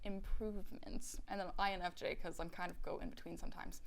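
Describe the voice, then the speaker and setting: A woman's voice: fairly low pitch, fairly even intonation, a little fast, creaky. A young woman co-hosting a casual podcast among friends, laughing often and reading out lists with filler words. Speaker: podcast co-host.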